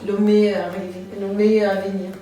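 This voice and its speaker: A woman's voice: mid-range voice, level tone, moderate pace, mellow, very echoey, recorded from a distance, lo-fi sound, slight background noise. A woman with a Cameroonian accent, an interviewer with a chatty manner who laughs easily. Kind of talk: casual interview talk.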